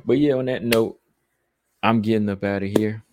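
A man's voice: fairly low pitch, fairly even intonation, moderate pace, darkish tone, slight background noise. A man from the American South with a Southeastern accent, hosting a casual livestream and rambling loosely as he reads chat comments aloud. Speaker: podcast host reading live chat.

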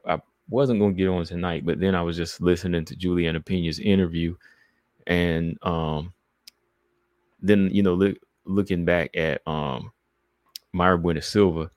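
Reading live chat on a casual stream, a man with a Southeastern American accent rambles loosely between comments. His very deep voice has a darkish tone, recorded dry and close with no room sound.

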